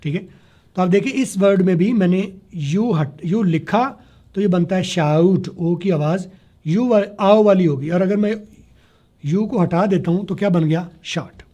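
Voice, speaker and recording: A man teaching spoken English to a class, spelling words letter by letter, slowing down to model sounds and checking that students follow. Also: high-pitched, warm tone, highs cut off. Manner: slows down to demonstrate pronunciation. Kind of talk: classroom lecture.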